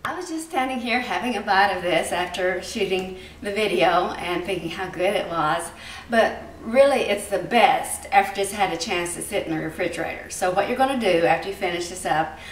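A woman's voice: medium pitch, normal speed. A middle-aged woman walks viewers through a recipe in a friendly, homey, step-by-step way. She is recorded from a distant camera in a roomy kitchen. A faint hum of ambience sits behind her. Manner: chatty, homey step-by-step explaining. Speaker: cooking show host. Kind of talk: home cooking demonstration. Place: home kitchen indoors, garden outdoors. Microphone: far camera. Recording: roomy, distant home video.

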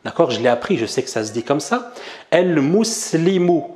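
A man at a mid pitch talks his viewers through a language lesson one step at a time. He writes examples out as he goes and keeps checking that everyone is following. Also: sing-song, fast, darkish tone. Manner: explains step by step, often asks "d'accord?". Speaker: Arabic teacher. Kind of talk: whiteboard lesson explaining grammar.

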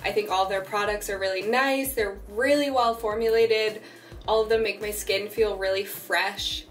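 A young woman in her twenties with a slightly raspy voice, chatting casually to camera in her apartment kitchen, full of "like" and "um". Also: medium pitch, moderate pace, soft background music, low-quality recording. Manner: chatty, relaxed, lots of "like" and "um". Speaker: vlogger. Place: small apartment kitchen, indoors.

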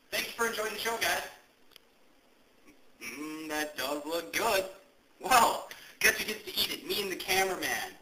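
A man's voice: high voice, sharp tone. A young man hosting a goofy homemade cooking show, with crude, jokey, mock-cheerful patter, recorded on a camera mic in a home kitchen. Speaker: comedy cooking show host. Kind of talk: goofy home-video comedy skit. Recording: echoey kitchen, noisy camera audio.

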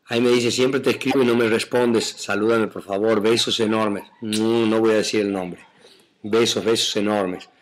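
An actor with a mixed Argentine and Mexican Spanish accent chats casually from home on a live webcam stream, wandering through viewer comments with lots of fillers and soft laughs. His voice is fairly low and steady, at a moderate pace.

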